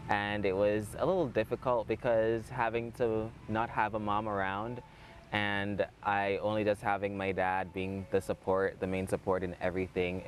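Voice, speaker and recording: A man's voice: on the low side, a little hiss or hum. A young man from Jamaica with a Jamaican accent, answering interview questions with hesitant restarts. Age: young adult. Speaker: interview guest. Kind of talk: casual interview.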